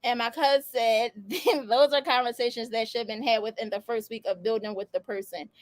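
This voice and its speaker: A woman's voice: on the high side, fairly even intonation, normal speed, no echo. A woman hosting a casual talk show, slangy and loose, laughing often. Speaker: podcast host. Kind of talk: casual chat.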